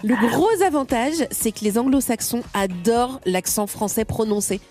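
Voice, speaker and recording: A woman's voice: a little high, moderate pace, a little mellow, soft background music. A woman from Paris with a Parisian accent, co-hosting a radio show in an enthusiastic, chatty way. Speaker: radio co-host. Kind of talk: morning radio banter.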